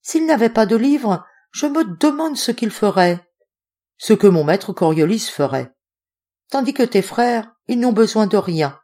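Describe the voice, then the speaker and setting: A woman voicing a proud, gruff male ape-man of the forest in an audiobook reading. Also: medium pitch, animated, measured pace, mellow, voice pushed up. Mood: scornful. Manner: gruff and scornful.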